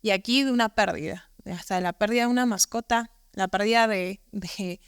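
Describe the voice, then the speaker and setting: A woman's voice: medium pitch, brisk, clean tone, no room sound, clean studio sound. Reflective woman podcast host. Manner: reflective, restarts her phrases. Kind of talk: conversational interview.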